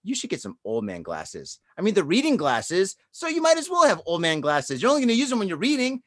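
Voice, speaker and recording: A man's voice: high-pitched, huge pitch swings, brisk, a bit bright. A man in his forties telling a rambling, profane story in casual podcast chat, peppering it with "dude" and "man". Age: 40s. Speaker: podcast co-host.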